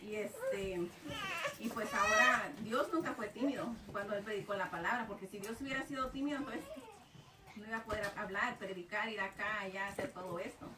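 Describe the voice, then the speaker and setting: A woman's voice: mid-range voice, fairly quick. A young adult woman, a lay preacher at a service held in a home, sharing her testimony in a candid, storytelling way and recounting her conversations line by line. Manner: storytelling, retelling conversations with many "le digo"; candid, self-admittedly shy. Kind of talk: informal testimony sermon. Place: house service, roomy living space. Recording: echoey room, voice from far off, noisy.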